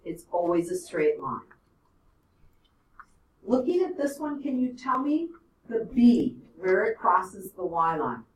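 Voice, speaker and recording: In an echoey classroom recorded from a distance, a woman teaches a math lesson step by step, checking in with "okay?" and "right?" Her medium-pitched voice is very animated but slow, with long pauses. There's slight background noise.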